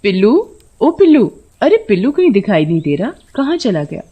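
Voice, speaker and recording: A woman voicing a chatty, plant-loving young wife who scolds her husband in an animated horror story. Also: mid-range voice, a little fast, breathy edge, dull audio.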